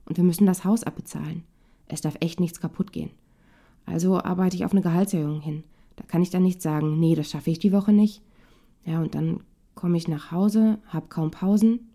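A sheepish young husband, unsure and a little defensive as he explains himself, voiced by a woman narrator in her own mellow tone. The voice is warm and soft, with only a slight lift of pitch. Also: steady tone, brisk.

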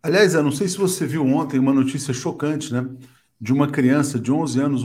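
A man hosting a political live stream, talking conversationally with quick asides and tag questions. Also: mid-range voice, darkish tone.

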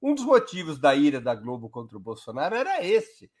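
A man's voice: fairly high pitch, huge pitch swings, fairly quick. A man with a Brazilian Portuguese accent, a guest commentator explaining politics live on a talk show in an emphatic, step-by-step way.

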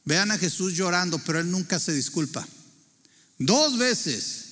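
A man's voice: high-pitched, big pitch swings, measured pace, sharp tone. A man with a Mexican accent preaching a sermon, earnestly asking the congregation questions. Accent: Mexican Spanish. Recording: preaching in a reverberant hall.

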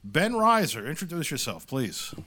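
Bright-voiced man from New York hosting. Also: a little high, big pitch swings, normal speed. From New York City. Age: 50s. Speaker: podcast host, author. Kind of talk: casual podcast chat.

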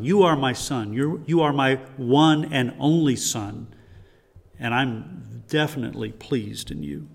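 A man's voice: medium pitch, big-room sound. A man preaching a sermon as pastor, earnest, often restarting his words. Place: church sanctuary.

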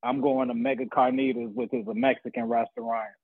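A man's voice: mid-range voice, flat delivery, fairly quick, dry recording. A man, talking in a laid-back, slangy way and swearing freely in casual chat. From Chicago south suburbs. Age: 30s. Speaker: podcast guest. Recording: dry phone-like sound.

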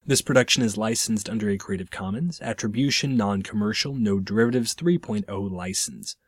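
A man reading short fiction aloud in a measured, scripted narration. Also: fairly low pitch, slight background noise.

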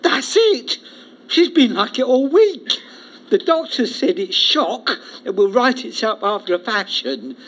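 A man's voice: very high voice, very animated, a little slow, fairly bright tone, full character voice. A man playing a timid, stammering widower in a radio comedy. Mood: nervous. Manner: stammering, hesitant.

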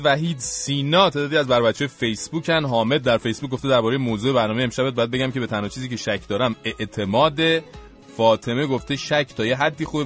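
A man's voice: medium pitch, fairly bright tone. A man hosting a radio show, reading listener messages in a joking, chatty way. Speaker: radio host.

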